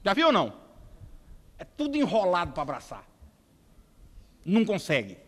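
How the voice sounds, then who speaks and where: A Brazilian man with a São Paulo state accent preaches a lively sermon, joking and acting out quoted people. His voice sits high for a man. The sound carries the long reverb of a church hall. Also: moderate pace. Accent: Brazilian Portuguese, São Paulo state. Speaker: pastor.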